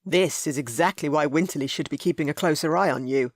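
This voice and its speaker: A woman's voice: deep voice, no echo, studio quality. Woman voicing a firm, guarded duke. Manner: firm, measured.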